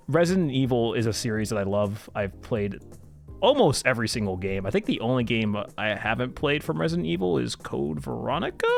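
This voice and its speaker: Male streamer, casual and enthusiastic live commentary, mid-pitched voice, loose swearing, soft music underneath. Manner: enthusiastic, profane, laughs while talking.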